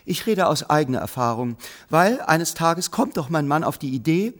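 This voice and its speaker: A man's voice: on the high side, sing-song, normal speed, big-room sound, voice pushed up. A man voicing a chatty shopkeeper woman in a storybook reading, gossiping indignantly in a raised voice.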